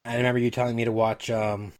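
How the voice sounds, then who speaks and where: A man's voice: mid-range voice, little pitch movement, quick pace. A man co-hosting a podcast in casual chat, rambling with many fillers and casual swearing. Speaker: podcast co-host.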